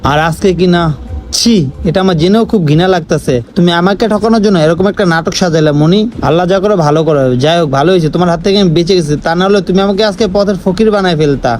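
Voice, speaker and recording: A man's voice: high-pitched, rapid-fire, a little mellow, close to an everyday voice. A man playing a young man fooled by a greedy girlfriend, pleading and then indignant. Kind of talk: amateur comedy skit acting.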